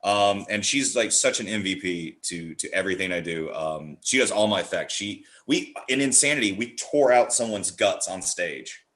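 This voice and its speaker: With a deep, slightly bright voice, a man speaks at normal speed and barely pauses. As a podcast guest who directs horror theatre, he chats casually in an eager, rambling way, acting out quotes, and the recording sounds roomy and echoey.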